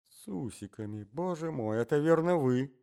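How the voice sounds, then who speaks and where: A frantic, self-pitying jealous man, as a male reader puts him on. He pleads and moans. His pitch swings widely and often drops to a hushed, strained whisper. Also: expressive, moderate pace, close to an everyday voice. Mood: panicked. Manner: pleading, lamenting, agitated.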